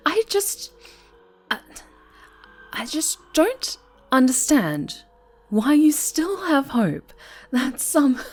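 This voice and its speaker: A woman's voice: low voice, exaggerated voice. A woman playing a whispering possessive villainess. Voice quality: soft breathy whisper. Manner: taunting, cloying, menacing. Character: possessive fallen-hero woman villain with shadow powers. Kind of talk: whispered audio roleplay.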